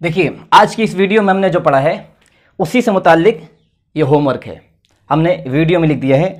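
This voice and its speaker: With a voice on the high side, an Indian man talks through English grammar. His lesson has him slowly reading example sentences, translating every one, and finally giving encouraging guidance.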